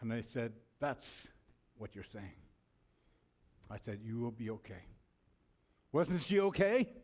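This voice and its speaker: A man's voice: medium pitch, sing-song, takes it slowly, darkish tone. A man co-hosting a forum, giving closing remarks with a rambling, storytelling manner full of restarts. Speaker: forum co-host.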